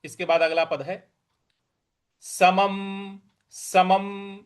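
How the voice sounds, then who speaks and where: High-voiced guy teaching chanting, stretches every verse out slow, quick little explanations between. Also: level tone, clean tone. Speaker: teacher of scripture recitation. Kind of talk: recitation lesson.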